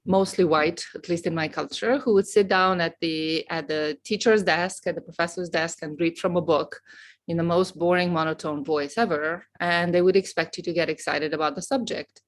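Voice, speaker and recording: A middle-aged woman from Romania tells her story as a guest on an interview show. Her voice sits a little low, and her delivery is boisterous and outgoing. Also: fairly even intonation, normal speed. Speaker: guest, professor. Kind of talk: casual interview chat.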